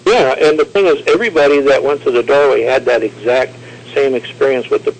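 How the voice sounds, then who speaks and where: A man speaking as a guest on a call-in radio show over a glitchy remote line that keeps cutting out. He talks in a halting way and often restarts his sentences. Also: medium pitch, low-quality recording. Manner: hesitant, halting, with repeated restarts. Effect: glitchy connection with audio cutting out.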